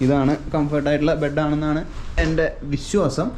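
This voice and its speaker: A young man with a Kerala Malayali accent chatting casually and excitably to his travel vlog viewers, mixing English words and slang into his Malayalam. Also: on the high side, normal speed. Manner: excitable, exclamatory, addresses viewers often. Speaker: travel vlogger. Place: mostly outdoors on town streets. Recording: noisy outdoor ambience with vehicle sounds.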